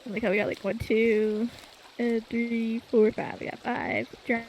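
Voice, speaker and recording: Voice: medium pitch, level tone, a little slow, darkish tone, a little hiss or hum, low-quality recording. A casual gaming partner chatting through a co-op game, dry and teasing.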